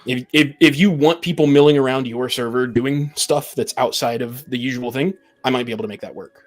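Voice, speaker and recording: Talking fairly quickly in a mid-range voice, a man who runs tabletop games chats casually with a group as a podcast guest. He's a talker who stumbles and restarts his phrases again and again.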